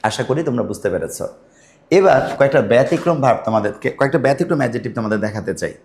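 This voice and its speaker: A man with a Bangladeshi accent explaining grammar to students in a patient lesson, repeating key words slowly. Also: medium pitch, expressive, a little mellow. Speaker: English grammar teacher.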